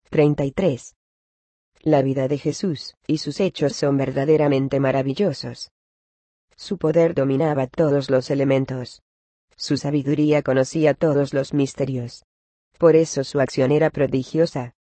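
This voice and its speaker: A man reads a religious commentary aloud in a measured, even cadence. His mid-pitched voice stays nearly level throughout and has a warm, mellow tone. The sound is close and dry. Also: no echo. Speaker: reader of a religious text.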